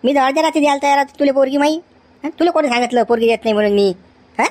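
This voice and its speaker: A woman plays an excitable middle-aged village uncle. The talk is very fast and scolding in a high voice. It sounds flustered and keeps demanding "huh?". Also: close to an everyday voice.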